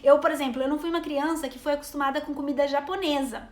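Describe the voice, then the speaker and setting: A woman's voice: high voice, fairly even intonation, fast, reverberant. A Brazilian woman in her thirties chatting to viewers in a rambling live stream, a travel vlogger and mother. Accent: Brazilian Portuguese. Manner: chatty, rambling, reading out comments.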